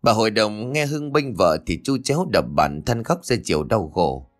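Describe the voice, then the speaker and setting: A man narrating a ghost story in a steady, matter-of-fact way. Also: lowish voice, moderate pace. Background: faint background music.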